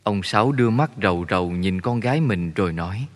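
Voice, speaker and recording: A man narrating a story in a steady, measured way. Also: fairly low pitch. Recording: long reverb.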